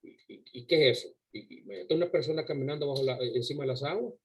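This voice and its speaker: A man's voice: mid-range voice, fast talker, a little hiss or hum, low-quality recording. A man preaching a sermon to his congregation, emphatic and full of rhetorical questions, often repeating words as he goes. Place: church service before a congregation.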